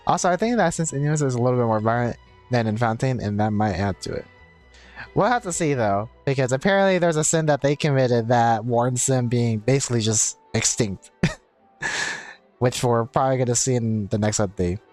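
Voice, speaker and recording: Game music runs behind a man whose mid-range, darkish voice moves at normal speed. He's a game streamer chatting casually on a livestream, explanatory and repetitive as he circles back over what he's already said.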